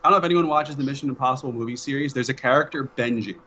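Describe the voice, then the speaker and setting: A man's voice: medium pitch, very fast, pushed and bright, highs cut off, slight background noise. Rambling man running a tabletop game. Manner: loose, rambling, swears, laughs often. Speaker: game master.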